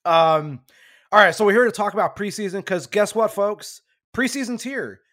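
A man's voice: high voice, normal speed, fairly bright tone. A man hosting a casual sports podcast, talking in a rambling, self-correcting way while losing his voice. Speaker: podcast host.

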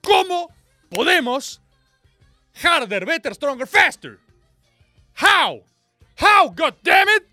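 A man voicing a frantic, loud American male movie executive who yells in broad English. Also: extremely high pitch, wildly swooping pitch, slow pace, few pauses, no room sound, soft background music, voice pushed up, exaggerated voice.

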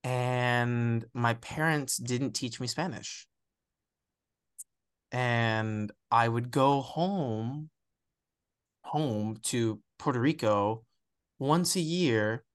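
Young male actor, reflective interview guest, halting and thoughtful, mid-pitched voice. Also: smooth. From United States. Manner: reflective, searching for words, frequent restarts. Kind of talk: candid conversational interview.

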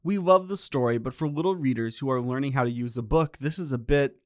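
Male host, mid pitch, deadpan jokey review reading, dry close sound. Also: fast talker, dry recording. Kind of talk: casual chat and reading aloud.

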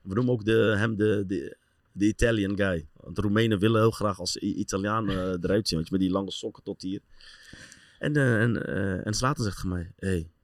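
A middle-aged man, telling football stories in casual talk and acting out scenes with a voice that jumps high as he laughs. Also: a little fast, no echo, studio quality. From Netherlands. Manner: animated storyteller, voice rises high when acting out scenes, laughs often. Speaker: former footballer and assistent coach telling stories.

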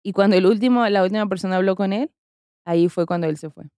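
A woman's voice: mid-range voice, quick pace, mellow, clean tone, no echo, clean studio sound. A woman with a Mexican accent, a podcast host casually retelling a story with many fillers and slangy asides.

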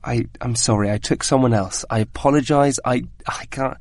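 A man's voice: medium pitch, fairly quick, dry recording. A young man co-hosting a comedy podcast, playful and self-mocking. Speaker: co-host. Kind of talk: comic podcast banter.

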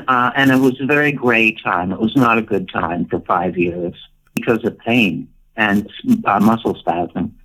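A woman's voice: very deep voice, rough recording. An older woman and retired performer, telling stories as an interview guest in a playful, theatrical way, laughing often and acting out what people said. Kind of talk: casual storytelling interview.

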